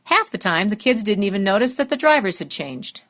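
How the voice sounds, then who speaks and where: A woman with a mid-pitched voice recounts long bus trips in an even, clear telling. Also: a little fast. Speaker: tribute speaker, fellow bus driver. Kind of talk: anecdotal tribute.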